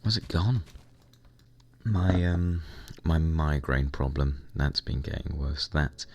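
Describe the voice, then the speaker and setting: A young gaming vlogger with a very deep, hoarse voice is recovering from losing it, speaking slowly in a slightly mellow tone with little pitch movement. He rambles and chats while playing a game, swearing mildly, into a desk microphone at his computer.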